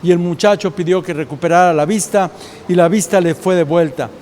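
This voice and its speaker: Mexican pastor, high male voice, storytelling sermon in a reverberant church hall. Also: a little fast, a little mellow, a little hiss or hum. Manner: storytelling preacher, acts out quoted voices.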